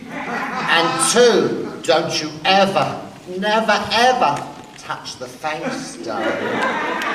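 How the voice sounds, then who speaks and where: An actor playing a seasoned, sassy drag queen who tells a story in a campy, drawling, streetwise way on stage. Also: a little high. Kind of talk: stage monologue. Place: live performance stage. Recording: echoey hall, distant mic, faint noise.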